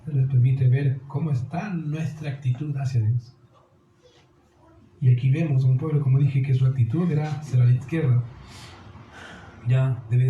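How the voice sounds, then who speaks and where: Earnest pastor preaching in an echoey hall. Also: male voice, mid-range voice, mellow, highs cut off. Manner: earnest preaching, calls listeners "dear", asks rhetorical questions. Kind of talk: sermon. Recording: echoey hall with faint noise.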